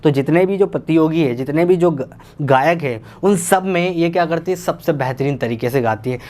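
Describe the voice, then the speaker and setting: A man teaching English grammar, explaining slowly and translating each example sentence, often calling his viewers "bhaiya". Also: fairly high pitch, a little mellow. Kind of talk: Hindi-English grammar lesson.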